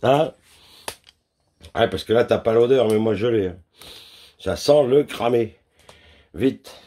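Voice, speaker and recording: A man's voice: mid-range voice, slow pace, mellow. A man chatting casually in a cooking vlog in his home kitchen, joking about his own mistakes, swearing freely and talking straight to the viewer while he works. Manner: joking, self-mocking, crude swearing. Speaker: home cook vlogger.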